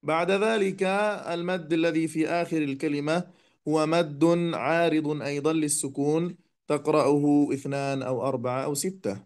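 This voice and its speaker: A man teaching Quran recitation rules, explaining calmly and slowing down to demonstrate the words. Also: fairly high pitch, clean tone. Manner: measured, demonstrates recitation slowly. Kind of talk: tajweed lesson explanation.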